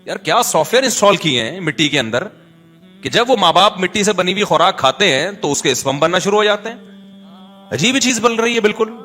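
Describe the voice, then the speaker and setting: A man with a Karachi Urdu accent giving a religious lecture, moving between chanted recitation and chatty, animated asides. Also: high-pitched. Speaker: preacher.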